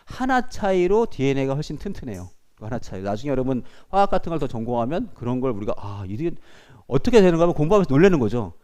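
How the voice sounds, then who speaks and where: Animated male teacher lecturing a class. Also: medium pitch, rapid-fire, hardly any pauses, smooth. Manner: animated, addresses students directly with frequent checks.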